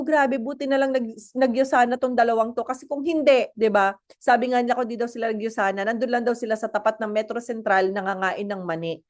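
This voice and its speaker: A woman with a Filipino accent talks in a fairly high voice, hosting a live online session. She is chatty and upbeat in a motivational way, switching between Tagalog and English and asking her listeners questions as she goes. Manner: chatty, mixes English and Tagalog, asks the audience. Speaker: network marketing speaker. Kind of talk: motivational talk to an online audience.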